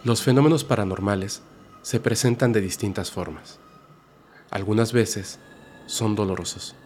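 A man hosting a podcast, narrating a horror story in a slow, dramatic way that drops soft for suspense. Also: fairly low pitch, slight background noise. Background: faint music.

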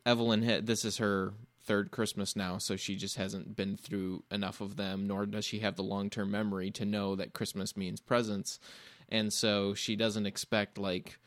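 Young male co-host, low voice, dry close sound, easygoing storyteller who laughs often. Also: moderate pace, dry recording. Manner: relaxed storytelling, laughs easily. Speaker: podcast co-host. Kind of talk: casual chat. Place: home over a video call.

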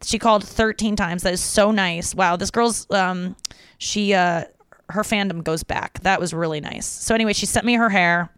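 A woman's voice: mid-range voice, moderate pace, a bit bright, clear, resonant tone, no room sound. A woman hosting a podcast, chatting frankly with plenty of swearing and reading listener messages aloud. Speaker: podcast host. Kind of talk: casual chat.

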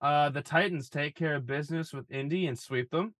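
A man's voice: a little high, a little fast, fairly bright tone, no room sound. A young man co-hosting a podcast, laid-back and wry in casual sports chat, swearing casually. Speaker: podcast co-host.

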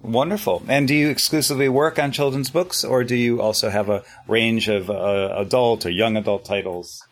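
A man's voice: medium pitch, steady tone, moderate pace. A man hosting an interview, asking long, polite, encouraging questions. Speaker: interviewer host.

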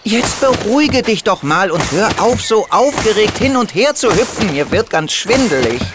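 A performer voicing a calm, sensible little bear in a children's audio drama, soothing the others. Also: medium pitch, moderate pace, close to an everyday voice. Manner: calm, reassuring. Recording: audible background noise.

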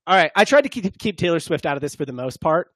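A man's voice: fairly high pitch, sing-song, fast, fairly bright tone, no room sound. A man hosting a casual sports podcast, rambling and making self-mocking jokes. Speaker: podcast host.

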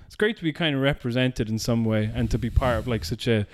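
A man's voice: medium pitch, quick pace. An Irish man hosting a podcast in casual chat, rambling and thinking aloud with plenty of fillers. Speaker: podcast host.

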